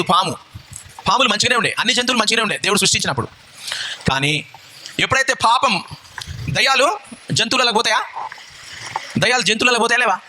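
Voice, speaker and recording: A man's voice: very high-pitched, pushed and bright, slight background noise. A male bishop, preaching a sermon with a live demonstration, throwing questions at the congregation and coaxing helpers step by step. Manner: fires rhetorical questions at the congregation.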